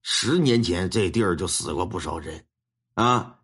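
Gloomy and grave, this aging exorcist master talks low and slow, each phrase weighed down with a sigh, as a storyteller puts him on. His voice drops well below the narrator's own lively tone, and the manner is heavy and weary, like an old storybook sage. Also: husky, heavily acted.

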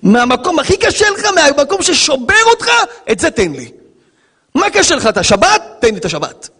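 A man giving voice to God speaking to a believer, gentle but demanding, in short repeated pleas. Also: very high-pitched, very animated, voice pushed up, full character voice. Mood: pleading. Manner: pleading, repeating short commands.

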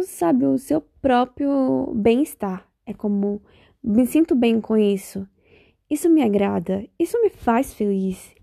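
A woman's voice: a little high, vocal fry, warm tone, dry recording, studio quality. A young woman from Bahia with a Bahian Brazilian accent, hosting a casual solo podcast in a rambling, reflective way that keeps interrupting itself. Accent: Bahian Brazilian Portuguese. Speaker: podcast host.

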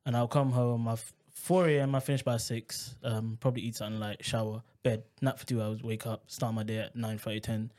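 A man's voice: medium pitch, flat delivery, brisk, few pauses, darkish tone. Laid-back man, matter-of-fact. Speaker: podcast guest. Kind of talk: casual chat.

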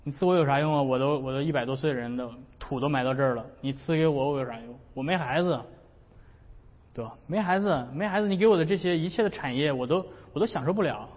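Pastor doing a fed-up, blunt old man, slightly high voice, in a reverberant hall. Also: fast, natural voice. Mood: exasperated. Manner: grumbling, colloquial. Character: exasperated very old man, childless and complaining. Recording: dull recording with long hall reverb.

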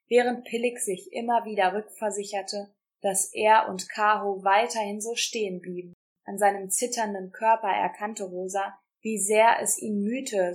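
A woman giving steady, measured storybook narration. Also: mid-range voice. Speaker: audiobook reader.

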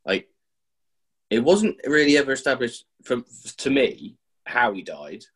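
A man's voice: mid-range voice, big pitch swings, unhurried, a bit bright, slightly rough. A man in a casual film review chat, thinking aloud with frequent restarts.

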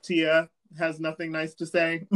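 Giggly higher-voiced man host, unhurried. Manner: giggly, easygoing. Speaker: podcast host. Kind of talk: casual recap chat.

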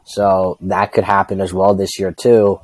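Low-voiced man talking baseball casually. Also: flat delivery, unhurried, a little mellow, no room sound. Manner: hedging, repeatedly says like and you know. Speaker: podcast panelist. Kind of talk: casual baseball analysis chat.

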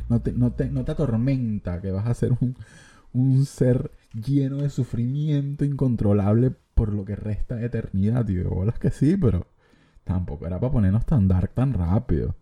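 A young Venezuelan man talking loosely to his listeners, his voice very dark and mellow with a husky edge. He rambles from one joke to the next and swears freely, like an easygoing podcast host thinking out loud. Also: medium pitch. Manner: joking, profane, rambling. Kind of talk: casual comedic monologue.

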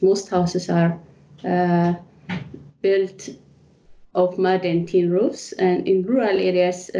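A woman from Ethiopia answers as a podcast guest, speaking in a measured way with many small pauses. Her voice is low and mellow, and the recording sounds slightly dull. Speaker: researcher guest. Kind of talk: podcast interview.

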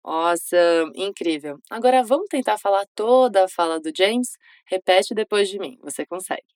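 A woman giving a scripted English lesson, modeling phrases slowly and encouraging the listener to repeat. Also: mid-range voice, expressive, no echo. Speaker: English teacher.

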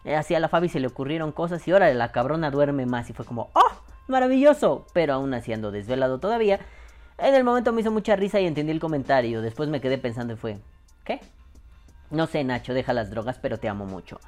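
Animated, foul-mouthed Mexican man hosting a podcast. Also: medium pitch, fast talker, soft background music. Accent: Mexican Spanish. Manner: joking, profane, animated. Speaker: podcast host. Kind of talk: casual podcast chat reading listener comments. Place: home room.

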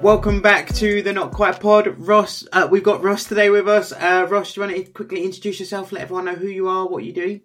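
A man's voice: high-pitched, little pitch movement, fairly quick, hardly any pauses, fairly bright tone, faint music behind. A young man hosting a casual podcast interview, his voice nasal and congested from a cold. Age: young adult. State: has a head cold. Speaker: podcast host.

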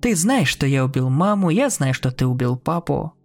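A man's voice: a little high, big pitch swings, normal speed, faint music behind. A man voicing a cold, taunting adult brother who mocks his sibling in a horror story reading. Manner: mocking and sneering.

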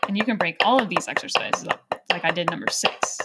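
A woman's voice: fairly low pitch, a little fast, heavy background noise. Woman counting off a drum lesson. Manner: calm, counting off beats and explaining. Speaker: drum teacher. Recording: loud drumming and clicks behind the voice.

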